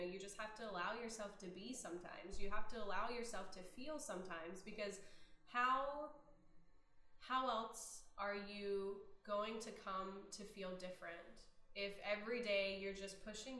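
Slow, reflective woman in an echoey room. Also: medium pitch. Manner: reflective, gentle, many "um" pauses. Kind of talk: casual podcast chat. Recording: roomy echo.

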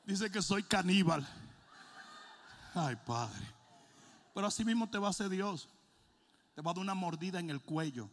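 A middle-aged male pastor preaching with a gravelly, rough edge to a rather high voice. He tells his stories in an animated way, dropping to low asides and then rising to shouts. He mixes English words into his preaching. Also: normal speed, pauses often, big-room sound. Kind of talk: sermon with a comic story.

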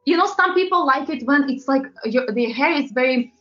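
A woman's voice: high voice, animated, brisk, fairly bright tone, soft background music. Young woman, Latvian accent, gushing, rambling with fillers, muffled sound. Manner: chatty, gushing, trails off with fillers. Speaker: singer-songwriter guest. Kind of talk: casual interview chat.

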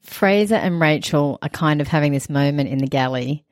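Brief: woman podcast co-host, low voice, chatty and giggly, dry close mic. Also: normal speed, dry recording. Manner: chatty, giggly, recaps with enthusiasm. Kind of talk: casual podcast chat.

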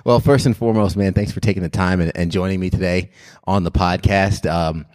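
Upbeat young podcast host, deep voice. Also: male voice, steady tone, brisk, a little mellow, dry recording. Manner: upbeat, friendly, laughs easily. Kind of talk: casual podcast chat.

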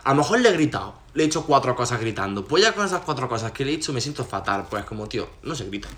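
A young man hosts a casual podcast chat. He speaks at an ordinary pitch in a relaxed, reflective way, often pausing for little asides before landing his point. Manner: relaxed, reflective, talks it through with many asides. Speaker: podcast host.

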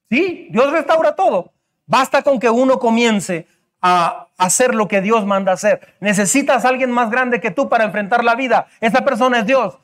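A male pastor preaching a sermon. His voice sits high, and he drives his points home with emphatic repetition and rhetorical questions.

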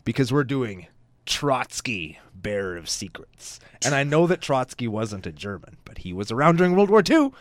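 A man's voice: mid-range voice, very animated, moderate pace, no echo. A man co-hosting a podcast in casual banter, jokey, self-mocking and free with swearing. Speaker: podcast co-host.

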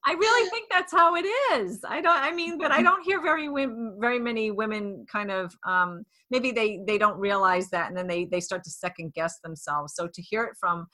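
A woman's voice: mid-range voice, normal speed, few pauses, sharp tone. A woman interviewing a fighter, often repeating words and restarting sentences as she forms her questions. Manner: hesitant, repeats words while forming questions. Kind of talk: casual interview chat.

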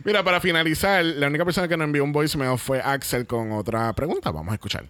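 A man's voice: on the high side, quick pace, noisy background. A man with a Puerto Rican accent co-hosting a casual podcast, mixing Spanish and English and laughing often. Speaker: podcast co-host.

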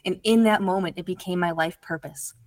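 A woman's voice: fairly low pitch, fairly quick. A woman guest on a podcast interview, an addiction recovery coach telling her story earnestly and casually, with lots of "like". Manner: earnest, storytelling, heavy use of "like".

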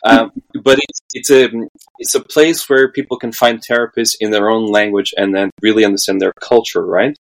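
A man's voice: lowish voice, steady tone, moderate pace, poor audio. A man hosting a podcast interview, asking long, rambling questions. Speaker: podcast host. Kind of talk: casual interview chat.

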